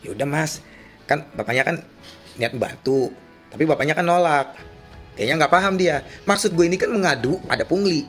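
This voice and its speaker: A man's voice: a little high, moderate pace, a bit bright, soft background music. A young man telling his complaint in a casual, slangy, agitated way. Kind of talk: casual vlog-style account.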